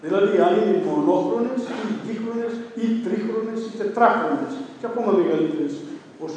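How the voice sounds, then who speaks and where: Guy giving a formal lecture, slow and teacherly, high mellow voice, far off in a big echoey hall. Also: slight background noise. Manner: measured, didactic, slows to stress terms. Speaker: lecturer on chant rhythm.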